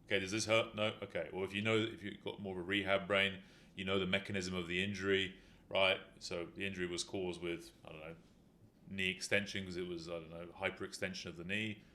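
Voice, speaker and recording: Low-voiced man, bright and forceful. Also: flat delivery, fairly quick. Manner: rambling, explanatory, many "you know" fillers. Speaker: fitness talk show host, injury rehab specialist. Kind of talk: casual chat.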